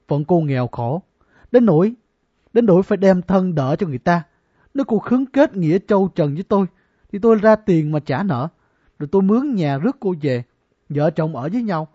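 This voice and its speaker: A man's voice: high voice, dark tone, no echo. A man voicing a wealthy young male scholar who pleads and boasts in an audiobook, in a dull, lo-fi recording. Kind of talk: audiobook character acting.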